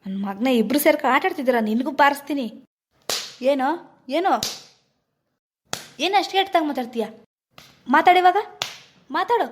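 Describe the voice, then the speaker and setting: A woman's voice: high voice, fast, long pauses, a little hiss or hum, lightly acted. [name], a woman playing a fiery lover. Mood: angry. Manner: forceful threats, gentle reassurance. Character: young village labourer man, protective, hot-tempered lover.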